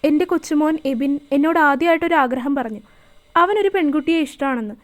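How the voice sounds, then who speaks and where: A woman voicing a gentle but firm elderly grandmother, speaking in a calm, measured, motherly way. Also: high voice, natural voice. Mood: tender.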